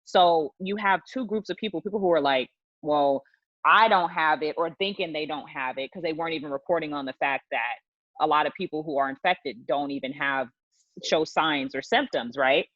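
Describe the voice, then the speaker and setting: A woman's voice: deep voice, brisk, no echo, dull audio. A woman co-hosting a casual podcast chat, explaining things at length and often checking in with "right?". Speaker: podcast co-host.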